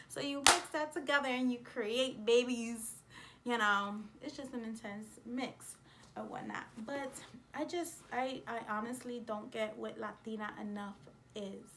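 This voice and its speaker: Speaking casually to camera, this American woman vlogger has a New York accent and comes across emphatic, indignant, and expressive. Her pitch is fairly high, and there's slight background noise.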